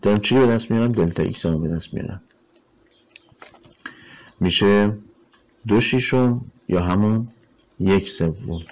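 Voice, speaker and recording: A man gives a recorded math lecture in a fairly low voice. He talks in a relaxed, conversational way, working through the problem step by step and answering his own rhetorical questions with frequent fillers. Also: pauses often, muffled recording. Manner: explains step by step while drawing on a board. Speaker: math teacher.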